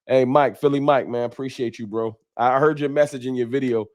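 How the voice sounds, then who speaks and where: An American man hosting a sports fan livestream talks to his viewers casually and candidly, reading chat in informal, colloquial language. His medium-pitched voice is brisk with fairly even intonation, captured in a dry, clean studio recording.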